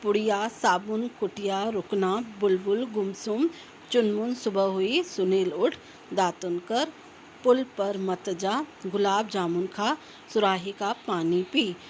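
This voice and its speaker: Woman teacher, mid pitch, careful slow spelling-out for young children, faint hiss in the background. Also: darkish tone, low-quality recording. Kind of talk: reading a children's textbook lesson aloud.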